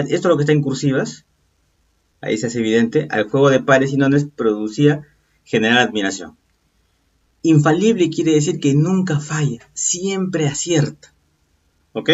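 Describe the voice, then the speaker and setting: Husky male teacher explaining a lesson. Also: medium pitch. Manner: explanatory, checks in with "¿ok?" and "¿verdad?". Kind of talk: recorded review lesson. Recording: distant, dull lo-fi voice.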